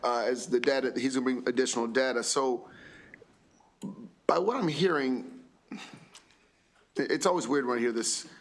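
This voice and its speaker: Sceptical man questioning haltingly. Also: mid-range voice. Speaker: committee member questioning witnesses. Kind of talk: conversational questioning at a hearing.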